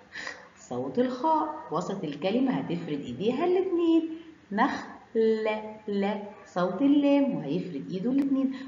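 A woman's voice: medium pitch, dark tone, slight background noise. Sing-song Egyptian woman teaching children. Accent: Egyptian Arabic. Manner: sing-song, drawn-out sounding of letters. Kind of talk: children's alphabet lesson. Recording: echoey room, dull lo-fi sound.

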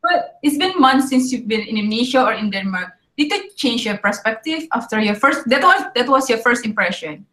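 A woman's voice: fairly high pitch, expressive, a little fast, hardly any pauses, sharp tone. A young woman hosting a video-call interview, asking questions in loose, non-native phrasing. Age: young adult. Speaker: host. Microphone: video call webcam. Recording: echoey room on a webcam.

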